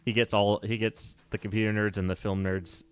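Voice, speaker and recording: Soft music plays behind a man whose fairly low, level voice moves a little fast as he chats casually during a game stream. He wanders off topic, fixes his own words and laughs in a geeky way.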